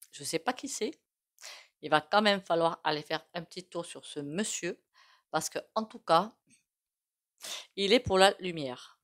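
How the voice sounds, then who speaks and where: A woman with a regional French accent talks through a tarot spread for her viewers, her voice sitting a little low. She rambles as she goes, filling the gaps with hesitations and little asides. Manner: chatty, rambling, with many fillers and self-asides. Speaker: tarot reader. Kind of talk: casual tarot reading to camera.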